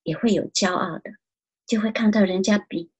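Husky woman giving earnest testimony. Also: medium pitch, moderate pace. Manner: earnest, repeats phrases. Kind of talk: spoken personal testimony.

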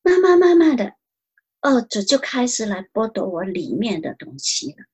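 Husky woman giving earnest testimony. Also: on the high side, very animated, normal speed, darkish tone. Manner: earnest, repeats phrases. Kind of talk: spoken personal testimony.

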